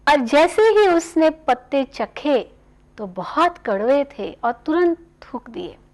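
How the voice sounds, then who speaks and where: A woman giving a spiritual talk on values, gentle, measured and instructive. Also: high voice, animated. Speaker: spiritual speaker.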